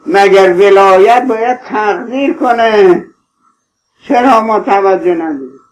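A man's voice: high voice, a little hiss or hum, low-quality recording. A man preaching a sermon, impassioned and pleading, tenderly addressing his listeners.

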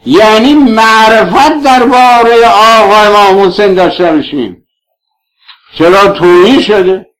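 A man preaches a religious sermon in a fervent, declaiming manner. His voice sits notably high. He piles up rhetorical questions, swinging between loud appeals and quiet passages. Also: poor audio.

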